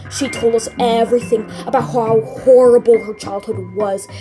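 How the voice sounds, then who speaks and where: A woman's voice: fairly high pitch, fairly even intonation, moderate pace, over music. A woman narrating a scripted first-person horror story in a dramatic storytelling manner. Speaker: creepypasta narrator.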